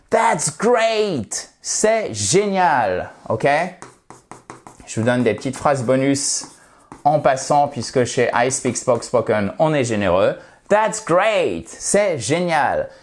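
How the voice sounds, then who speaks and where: A man's voice: mid-range voice, a little mellow. A man teaching English vocabulary in a video lesson. He explains at length and repeats sample phrases with emphatic stress.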